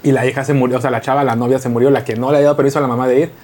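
A man with a Mexican accent, an emotional, animated storyteller in a casual podcast chat. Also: medium pitch, racing. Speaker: podcast co-host.

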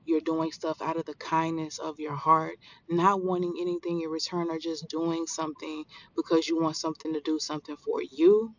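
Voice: medium pitch, level tone, moderate pace, few pauses, lo-fi sound, slight background noise. A podcast host in their thirties giving an earnest, emphatic motivational spiritual talk straight to listeners. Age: 30s.

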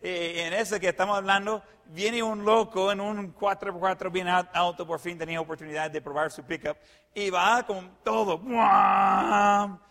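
A man telling a personal anecdote in a lively way, adding sound effects and fillers. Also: high-pitched, moderate pace. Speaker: storyteller. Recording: long hall reverb.

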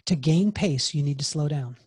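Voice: medium pitch, normal speed, a little mellow, breathy edge, dry recording, clean studio sound. A hairdresser and salon coach speaking as a podcast guest, emphatic and given to repeating key phrases. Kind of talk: podcast interview, motivational advice.

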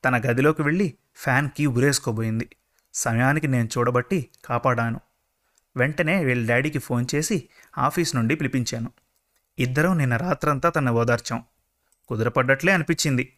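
A man's voice: mid-range voice, fairly quick, a bit bright, lightly acted. A man voicing a worried middle-aged mother in a told story, explaining things earnestly.

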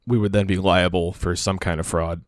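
A young man co-hosting a podcast, joking in a deadpan way and swearing a lot. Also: low voice, brisk, no echo, clean studio sound. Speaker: podcast co-host. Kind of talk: casual podcast chat.

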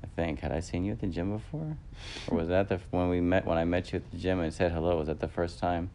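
Deep and mellow, this thirty-something man's voice moves at a quick pace over a slight hiss or hum. He's chatting casually with his partner on the podcast they co-host, rambling and frequently using fillers and correcting himself.

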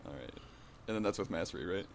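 Low-voiced, laid-back man. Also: lively intonation, quick pace, gravelly. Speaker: player. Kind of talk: tabletop game play.

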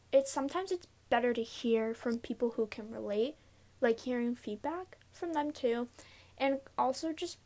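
Young woman, higher-pitched, nervous and giggly, halting casual solo podcast delivery from inside a closet. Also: a little mellow. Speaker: podcast host. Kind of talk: casual confessional solo talk. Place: inside a closet, sitting on a pillow.

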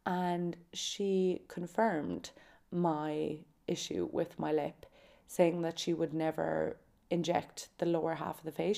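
A young woman with a southwest Irish Kerry accent speaks in a chatty, confiding way. Her voice sits a little low, with plenty of vocal fry and a soft, mellow tone. It sounds like a casual solo podcast. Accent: Irish, from County Kerry in the southwest. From County Kerry, Ireland. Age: 20s. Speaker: podcast host. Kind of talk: casual solo chat, personal storytelling.

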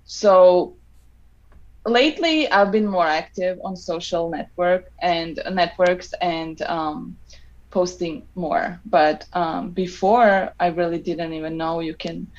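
A woman with a Serbian accent talks unhurriedly as a podcast guest, slightly low-voiced and in no rush. She chats in a relaxed way, full of ums and fresh starts. The recording sounds a little dull and lo-fi. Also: slow. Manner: relaxed and chatty, with many ums and restarts. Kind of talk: casual interview chat.

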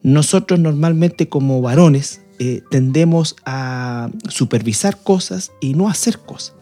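A married man talks through his views on marriage in a casual discussion, earnest and patient, circling back to repeat himself. His voice is mellow and fairly high for a man, with faint music underneath. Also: measured pace. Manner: earnest, explaining at length with many restarts.

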